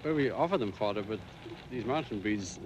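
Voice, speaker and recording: Male farmer, low voice, noisy outdoor tape. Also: lively intonation, brisk. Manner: quiet, plain-spoken. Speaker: sheep farmer. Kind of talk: casual interview.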